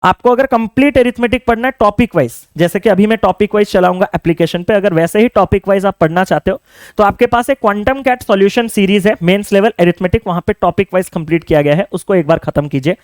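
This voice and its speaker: A young man with a high voice coaches exam students, urging them on earnestly and asking them to think things through. The sound is close and dry, with no room echo. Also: fast talker. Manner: earnest, urging, addresses students directly with rhetorical questions. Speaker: online exam coaching educator. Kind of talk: direct-to-camera coaching talk.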